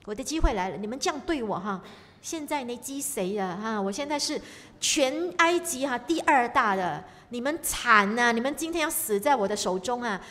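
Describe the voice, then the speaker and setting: A woman's voice: on the high side, expressive, moderate pace, pushed and bright. A woman voicing a gloating, vengeful biblical ruler who taunts those who wronged him. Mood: taunting. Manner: taunting, mocking. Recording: long reverb of a hall.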